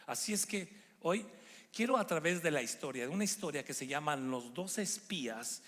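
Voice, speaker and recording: A middle-aged man preaching a sermon as a guest speaker, lively and acting out the people he quotes. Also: a little high, moderate pace. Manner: animated, acts out quoted people in put-on voices. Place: church hall stage. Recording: long hall reverb.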